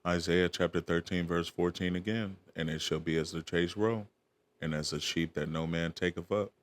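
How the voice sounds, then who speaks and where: A man's voice: low voice, steady tone, moderate pace. A man preaching, reading archaic scripture verses aloud and breaking in with short asides to his listeners. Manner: reads archaic verses, tags asides with "all right?".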